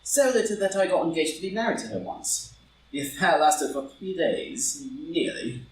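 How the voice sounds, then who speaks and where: In a live read-through of a stage comedy performed as audio drama, a man plays a flippant English dandy lord, languid, arch, and dryly witty, sounding amused. His fairly high voice is expressive, moderately paced, and close to his everyday voice, recorded on a distant mic in an echoey room with faint noise.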